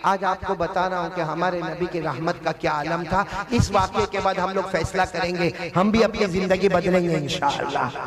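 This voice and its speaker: A man preaches with fervent, repeating lines and a high voice, calling on a large gathering to answer back. The steady noise of a big crowd fills the space behind him. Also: normal speed. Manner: fervent, repetitive, calls on the crowd to respond. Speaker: Islamic preacher. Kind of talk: sermon.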